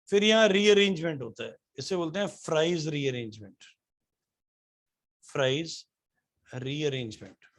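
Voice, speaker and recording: A man lectures a chemistry class, his voice sitting a little high for a man. He keeps tossing questions to the room and then answering them himself. When he reaches a formula, he spells it out one letter at a time. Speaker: chemistry teacher.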